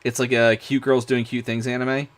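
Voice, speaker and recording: A young man streaming, chatting casually in an excitable, rambling way. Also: medium pitch, normal speed. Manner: rambling, excitable, many fillers and restarts. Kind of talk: casual chat.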